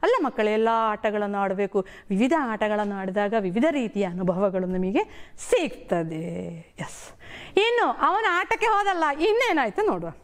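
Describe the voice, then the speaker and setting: A woman's voice: medium pitch, lively intonation, unhurried. A middle-aged woman teaching a primary school lesson on television, asking the children questions and explaining words in a sing-song storytelling way.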